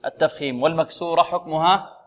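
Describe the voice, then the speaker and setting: A man's voice: fairly high pitch, steady tone, fast talker, fairly bright tone. A middle-aged man teaching Quran recitation, patiently asking his students questions and drilling letter sounds for them to repeat. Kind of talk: tajweed lesson with call-and-repeat drills.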